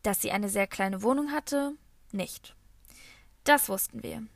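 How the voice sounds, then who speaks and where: A woman reading a children's novel as first-person scripted narration, in a calm storytelling manner. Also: mid-range voice, slow, gravelly, no room sound. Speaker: audiobook reader.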